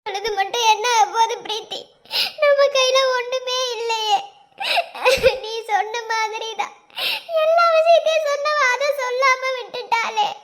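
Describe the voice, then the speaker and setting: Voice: very high voice, measured pace, fairly bright tone. A performer voicing a young woman in a cartoon, tearful and anxious over her dying friend. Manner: tearful, pleading. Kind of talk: cartoon voice acting.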